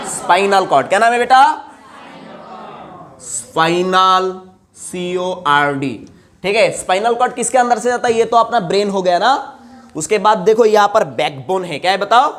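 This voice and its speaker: High-voiced man teaching biology. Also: fairly bright tone. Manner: quizzes students and answers his own questions, drawn-out emphasized terms; spells out terms letter by letter. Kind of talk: chalk-and-talk lesson with call-and-response questions.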